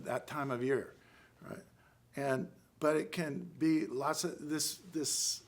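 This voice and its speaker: An American man speaking as a karate instructor in a halting lecture, often pausing to check in with "right?". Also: fairly high pitch, fairly bright tone. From United States. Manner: halting, with pauses and frequent "right?" check-ins. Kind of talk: spoken class lecture.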